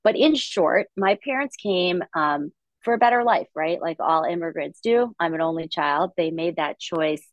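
A middle-aged woman from Latvia speaks as an interview guest, articulate and upbeat, pitched a little low. The sound is dry and close, with no room around her. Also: animated, normal speed, dry recording. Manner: articulate, upbeat storytelling with light laughs. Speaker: podcast guest, investor. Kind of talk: conversational interview.

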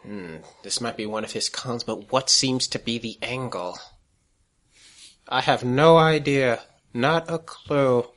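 A man's voice: mid-range voice, takes it slowly, fairly bright tone. A man playing a tabletop role-playing game, talking casually and half in character.

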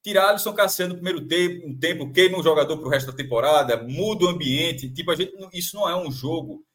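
On a sports analysis panel, a Brazilian man with a slightly high voice for a man talks fast and animatedly about a football match. As a commentator making his case, he keeps restarting sentences and repeating phrases.

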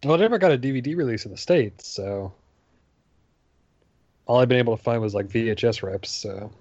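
A man guesting on a movie commentary rambles casually at a middling pitch and leans on fillers. His recording is dull and dry, with a lo-fi flatness. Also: fairly quick, dry recording. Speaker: podcast guest.

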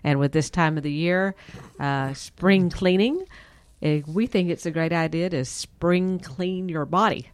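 A woman with a low voice co-hosts a casual health podcast. She sets up topics and cuts in with teasing quips. The recording is dry and close. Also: a little slow, dry recording. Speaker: podcast co-host.

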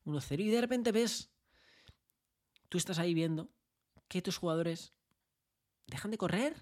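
A man's voice: high voice, moderate pace. A man giving a motivational audio talk, conversational and full of rhetorical tag questions. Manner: builds a vivid scenario, jumps into shouted bits. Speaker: motivational speaker.

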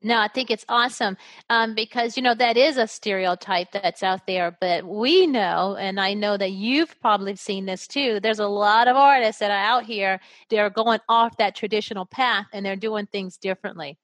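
A woman hosts an interview podcast at a middle pitch. She asks questions and praises her guest in an upbeat, encouraging tone. Her voice sounds dry and close to the mic. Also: moderate pace, fairly bright tone, dry recording. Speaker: podcast host. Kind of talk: interview hosting. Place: in Guam.

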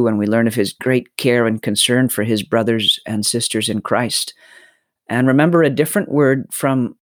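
Earnest male Bible teacher, deliberate and preacherly, dry studio sound. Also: mid-range voice, no room sound. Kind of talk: preaching-style Bible talk.

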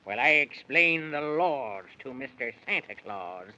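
A man's voice: mid-range voice, expressive, a little slow, bright, forceful tone. An actor playing a gloating, vain, tyrannical king in a 1930s radio play, pompous and mocking in rhyme. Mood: gloating, amused. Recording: dull, muffled 1930s radio recording.

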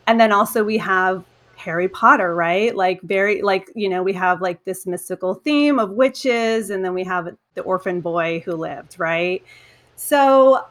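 A woman's voice: medium pitch, a little slow, fairly bright tone. Conversational woman guest on a podcast. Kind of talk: casual book chat.

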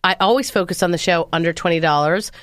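An upbeat woman hosts a casual wine chat on a studio mic, her voice set a little low. She sounds a little stuffy from sinus trouble and explains things plainly. The sound is close and dry. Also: quick pace, no room sound. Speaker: wine show host.

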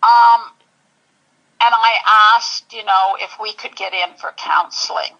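A woman telling her personal story in an interview, halting and searching for words. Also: medium pitch, gravelly, fairly bright tone, dull audio. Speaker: interview guest.

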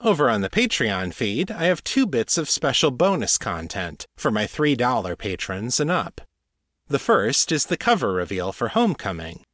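Hosting a solo podcast, a male fiction author reads a scripted update earnestly and articulately, close to the mic. His medium-pitched voice swings widely in pitch, fairly bright in tone at a moderate pace, and the recording is dry.

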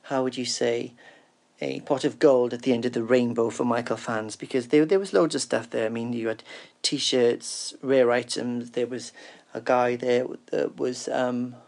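A man's voice: medium pitch, steady tone, normal speed, vocal fry, darkish tone. A man giving an informal first-person report on an event as a roving reporter. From Cardiff, UK.

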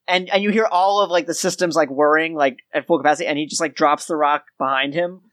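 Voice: mid-range voice, steady tone, quick pace, fairly bright tone, no echo. Casual, dry-sounding game master. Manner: informal, descriptive. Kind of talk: casual tabletop game narration.

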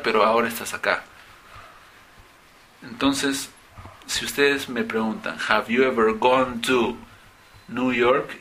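A man's voice: mid-range voice, pushed and bright, slight background noise. A man teaching English grammar in Spanish, animatedly acting out example questions in English. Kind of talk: explaining grammar to students.

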